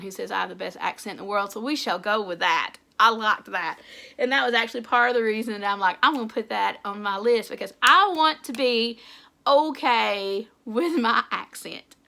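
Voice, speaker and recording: Speaking at medium pitch, creaky yet pushed and bright, a young Tennessee woman with an Appalachian English accent talks to camera about her goals. The author and book YouTuber keeps it casual and talkative, often laughing at her own expense.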